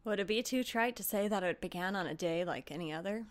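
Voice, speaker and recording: A woman plays an earnest, haunted young female blacksmith in a tabletop roleplay, telling the character's story in measured, literary phrases with dramatic pauses. Her voice is medium-pitched and lightly acted, and her mood stays composed.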